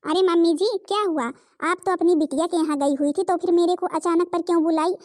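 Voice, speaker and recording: A woman voicing an eager, naive young daughter-in-law in a cartoon, loud and eager. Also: very high voice, steady tone, fairly quick, dry recording, clean studio sound.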